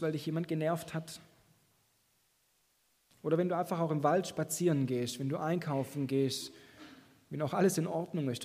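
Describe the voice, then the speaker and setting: A man preaching in a fairly high, husky voice with a mellow tone. He speaks earnestly and encouragingly, addressing his listeners directly. His voice carries a long reverb from a church hall. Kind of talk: sermon.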